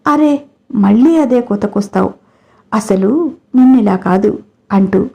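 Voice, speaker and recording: A fiery young wife from a storybook, quick to scold and full of hurt feeling, as a woman reader puts her on. The voice is low-pitched for her age, with a dark, mellow tone. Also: creaky, slightly rough. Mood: angry. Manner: emotional, scolding. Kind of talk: storybook character reading.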